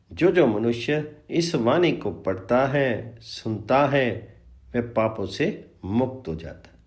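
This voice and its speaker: A man slowly recites devotional scripture verses in a chanting way and then explains each in plain words. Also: medium pitch, darkish tone. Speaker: scripture reader and expounder.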